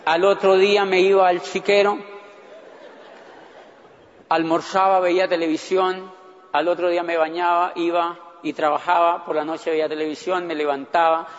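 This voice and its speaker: Guy telling his story on stage, pretty high voice, kinda muffled and echoey. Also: normal speed. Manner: animated, acts out his own past thoughts. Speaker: motivational speaker. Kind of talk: storytelling talk to an audience. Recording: dull, echoey hall recording.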